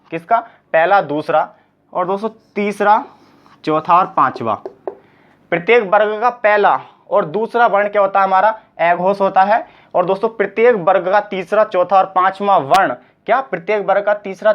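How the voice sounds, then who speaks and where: A man teaching a grammar lesson for exam prep, repeating each point and asking rhetorical questions before he answers them. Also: sits high. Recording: slightly dull lo-fi sound.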